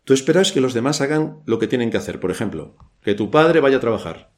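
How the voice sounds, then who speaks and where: A man's voice: mid-range voice, lively intonation, fast talker. A man from Spain with a Spanish accent preaching a church sermon, asking rhetorical questions and adding dry ironic asides.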